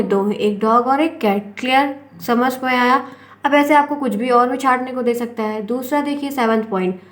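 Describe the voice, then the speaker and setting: A woman teacher with an Indian accent, explaining exam questions step by step and calling her viewers friends. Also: a little high. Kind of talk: exam-prep lesson.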